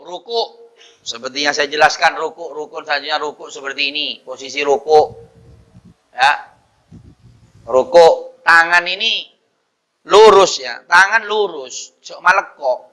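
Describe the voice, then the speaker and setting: A man's voice: mid-range voice, sharp tone. A man teaching a religious lesson in a mosque. He explains points and then chants Arabic verses to demonstrate them. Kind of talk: religious lesson with recited examples.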